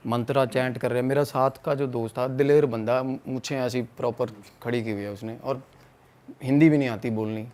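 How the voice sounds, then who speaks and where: A man's voice: medium pitch, a little fast. A young man from Punjab, a podcast guest telling a ghost story in a casual chat, acting out his friends' lines. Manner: animated, acts out friends' quotes.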